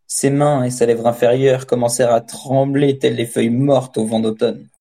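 A man reading a first-person story as an audiobook narrator, in a measured, steady storytelling voice. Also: mid-range voice. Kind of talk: scripted narration.

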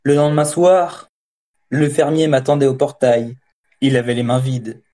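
This is scripted narration: a man at medium pitch narrates a first-person audiobook story in an even, measured way.

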